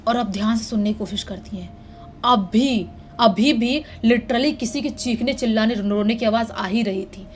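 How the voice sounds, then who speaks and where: Woman telling a horror story, slightly high. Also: moderate pace, slight background noise. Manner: dramatic, building suspense. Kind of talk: told horror story narration.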